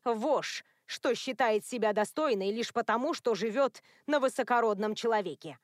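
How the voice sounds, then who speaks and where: A woman's voice: fairly high pitch, moderate pace, no room sound, studio quality, close to an everyday voice. A woman voicing a cold, imperious noble werewolf lady who is a grieving mother, in an audiobook. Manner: imperious, clipped.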